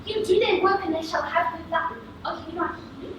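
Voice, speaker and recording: A woman's voice: very high-pitched, a little fast. A woman playing an inquisitive fairy servant, with theatrical, questioning delivery in Shakespearean stage style. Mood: curious accusation. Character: inquisitive fairy servant confronting a famous sprite. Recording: distant echoey stage capture with clear noise.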